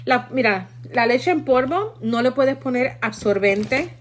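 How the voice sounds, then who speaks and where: In a noisy room on a live stream, a Puerto Rican woman whose first language is Spanish chats casually and demonstrates how to store food. Her accented voice sits high, with lively intonation and normal speed, and she's instructive, frequently ending sentences with "okay?"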